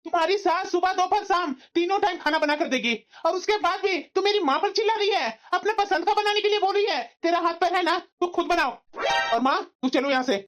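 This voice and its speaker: A woman's voice: high-pitched, animated, a little fast. A woman voicing a hot-tempered grown son in a cartoon, who orders his wife around and defends his mother. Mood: angry. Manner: angry, commanding. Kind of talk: cartoon voice acting. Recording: slightly dull lo-fi audio.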